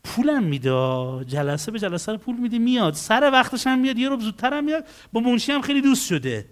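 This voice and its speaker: A man working as a counselor, telling stories about clients and acting out their dialogues in an animated way. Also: very high-pitched. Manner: animated storytelling, acts out dialogues.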